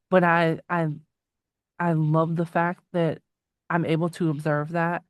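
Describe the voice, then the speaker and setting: A woman's voice: low voice, no echo, clean studio sound. A woman in her forties, hosting an interview, talking in a thoughtful, reflective way and laughing often. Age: 40s. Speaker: podcast host. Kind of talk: casual interview chat.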